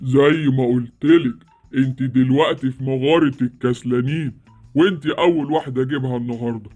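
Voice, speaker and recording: A man voices a gloating monster of sleep for an animated game series, speaking with an Egyptian accent. His voice sits in a middle range. He scolds lazy children. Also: medium pitch, fast, soft background music, close to an everyday voice. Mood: menacing. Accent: Egyptian Arabic. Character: menacing male sleep monster who kidnaps lazy kids. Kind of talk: Roblox story series acting.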